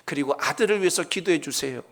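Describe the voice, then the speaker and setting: A man acting out a calm, gentle surgeon who speaks politely and reassuringly. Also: a little high, quick pace.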